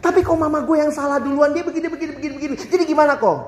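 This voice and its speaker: A man voicing a sulky teenager who complains in fast street slang about their mother. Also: very high-pitched, steady tone, echoey room, pitched above the performer's own voice. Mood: whiny. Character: sulky whiny teenager grumbling about mom.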